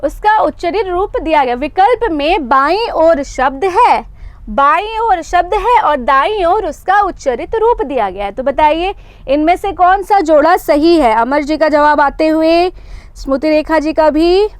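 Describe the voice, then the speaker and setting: A young woman leads a live online exam-prep class in a very high voice. She explains patiently, repeats key points and keeps asking the viewers to confirm. The sound is dry and close. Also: animated, a little slow, no echo. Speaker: teacher.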